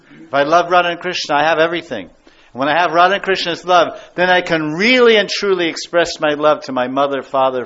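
A man's voice: on the high side, a bit bright. A man giving a devotional class as a spiritual teacher, emphatic and given to repeating key words and phrases. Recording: dull lo-fi recording.

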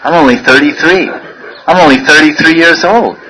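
A man's voice: on the high side, normal speed, voice pushed up, rough recording. A man doing a giddy, wavering young man. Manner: excited, wavering, keeps correcting himself. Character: young man torn between marriage and renunciation.

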